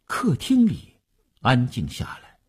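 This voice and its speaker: A man narrating a novel in an expressive, dramatic reading. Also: mid-range voice, takes it slowly, breathy edge. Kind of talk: storytelling reading.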